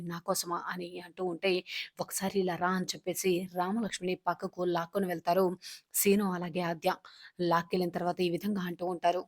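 A woman casually retelling a drama episode, chaining events with "and then" and speaking every character's lines in her own plain voice. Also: on the low side. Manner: strings events together with "and then" phrases. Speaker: serial episode narrator.

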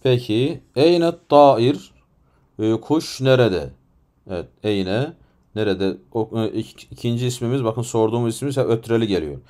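A man's voice: mid-range voice, lively intonation, moderate pace, mellow. A man with a Turkish accent teaching an Arabic lesson, explaining patiently step by step with rhetorical questions and frequent fillers.

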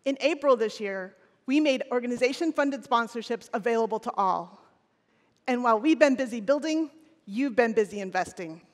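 Woman, 40s, keynote presenter on a big stage; earnest scripted delivery, slightly high voice, lapel mic in a reverberant hall. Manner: scripted, earnest, occasional restarts. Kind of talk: conference keynote speech. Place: large stage in a conference hall. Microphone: headset or lapel mic on stage.

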